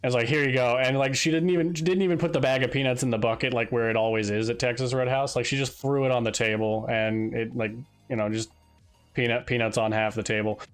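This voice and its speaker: A man's voice: mid-range voice, steady tone, fast talker, clear, resonant tone, faint music behind. A young man chatting on a live stream, telling a rambling story with frequent restarts and exasperated asides. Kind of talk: casual chat while live streaming.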